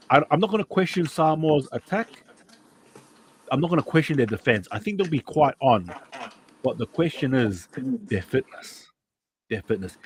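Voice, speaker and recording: Male host, casual footy preview chat, mid pitch, lots of restarts. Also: slight background noise, poor audio. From New Zealand. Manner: chatty, repeats words and restarts often. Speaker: podcast host.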